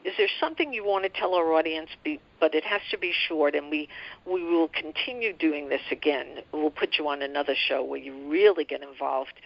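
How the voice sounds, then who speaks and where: A woman's voice: low voice, animated, a little fast, creaky, highs cut off. A woman hosting an interview show, encouraging her guest and asking long questions. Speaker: host.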